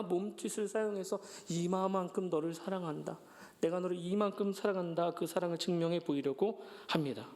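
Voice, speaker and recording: A young man preaching a sermon in a church, telling stories with acted-out quotes and gentle humor. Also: sits high. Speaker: pastor. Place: church sanctuary.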